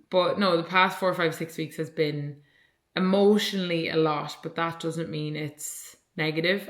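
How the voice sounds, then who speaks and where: A young woman with an Irish accent talks in a loose, rambling vlog style, full of "like" and "you know". Her voice sits a little low, and the room around her is echoey. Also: a bit bright. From Ireland. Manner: chatty, rambling, lots of "like" fillers. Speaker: vlogger and online coach. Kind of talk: casual vlog chat. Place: at home, indoors.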